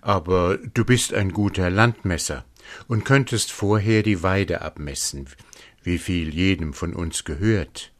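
A crafty old ram pleads in a meek, slightly raised voice, as a man reads him. Beneath the humble tone sits a sly calm. It is a storybook reading. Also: sits low, measured pace.

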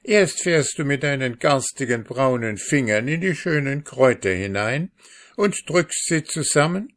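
A man's voice: mid-range voice, expressive, unhurried, fairly bright tone, voice pushed up. A man voicing a bold young market boy who scolds in an indignant tone in a storybook reading.

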